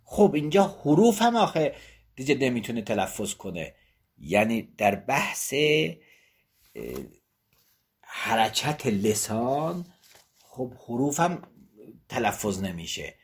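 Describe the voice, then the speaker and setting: A man teaching as a seminary lecturer. He reads Arabic passages aloud, then explains them in plain terms, repeating and rephrasing his points with frequent pauses. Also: mid-range voice, sing-song, husky. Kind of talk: teaching a text on Islamic law.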